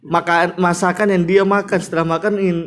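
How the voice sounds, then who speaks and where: A man from Papua in casual chat, asking quick curious questions and repeating phrases after his teacher. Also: sits high, little pitch movement, a bit bright.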